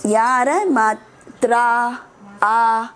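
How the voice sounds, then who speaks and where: A woman teaching children to pronounce Sanskrit verses, drilling syllables slowly and patiently. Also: on the high side, a bit bright. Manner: slow, patient drilling of syllables, mixing English words. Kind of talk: online class teaching.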